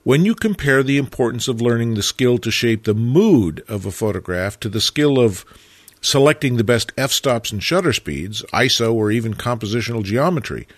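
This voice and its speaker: A man narrating a photography lesson in a measured, reflective way, stressing key words. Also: medium pitch, no room sound. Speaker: photography teacher. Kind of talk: scripted narration.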